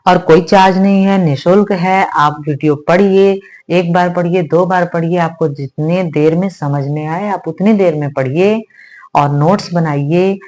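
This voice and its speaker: A woman teacher walks her viewers through Sanskrit pronunciation, saying each sound slowly and asking them to repeat it. She keeps checking in with her students, calling them "beta" the way a teacher does. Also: on the low side, darkish tone. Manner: addresses viewers as "beta", asks "hai na?". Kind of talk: spoken online lesson.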